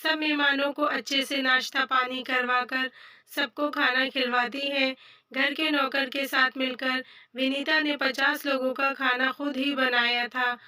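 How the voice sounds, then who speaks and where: A woman narrating a family story in a steady, plain reading voice. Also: high-pitched, a little slow, distant mic.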